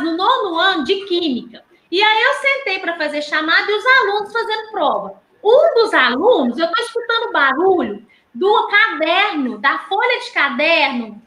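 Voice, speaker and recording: A woman's voice: extremely high pitch, reverberant. A woman teacher and sign language interpreter with a Minas Gerais Brazilian Portuguese accent, telling classroom stories in a casual live talk and acting out the voices of the people she quotes. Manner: animated storyteller, acts out quoted voices, laughs often.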